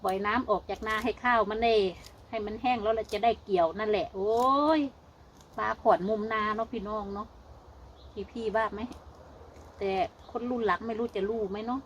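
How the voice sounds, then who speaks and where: A woman's voice: mid-range voice, steady tone, a little fast, highs cut off, slight background noise. An older Thai woman with an Isan accent, chatting to her viewers in a folksy, homespun way. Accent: Isan (northeastern Thai). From Thailand. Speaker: vlogger. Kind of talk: casual chat to viewers.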